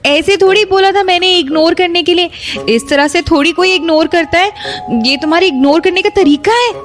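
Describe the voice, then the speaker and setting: A woman's voice: very high voice, brisk. An actress playing a bossy young woman who teases and scolds her friend in an audio drama. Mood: scolding. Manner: teasing, scolding. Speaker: actor. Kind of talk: Hindi audio drama acting.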